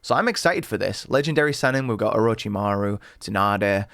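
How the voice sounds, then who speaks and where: A man hosting a music reaction video, talking casually and excitedly, often tripping over his words as he rambles. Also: fairly low pitch, a little fast, vocal fry, no room sound, studio quality. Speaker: reaction channel host.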